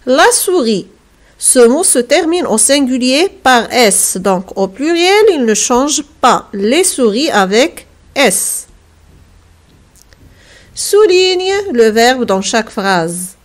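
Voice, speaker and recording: A woman with a Moroccan accent teaching a French grammar lesson to young pupils, spelling words out slowly and carefully, letter by letter. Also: sits high, very animated. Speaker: primary school French teacher. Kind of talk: recorded remote French lesson.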